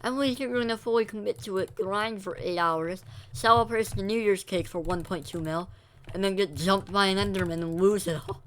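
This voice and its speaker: Brisk and bright-toned, a young streamer with a high-pitched voice chatters casually while gaming, turning to his viewers between reactions. He rambles and self-corrects, and a little hiss or hum runs under the audio.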